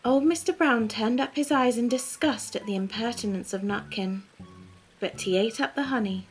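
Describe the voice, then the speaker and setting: A woman narrating a children's storybook in a soft, gentle, calm way, as scripted bedtime reading. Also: fairly high pitch, moderate pace, faint music behind, poor audio.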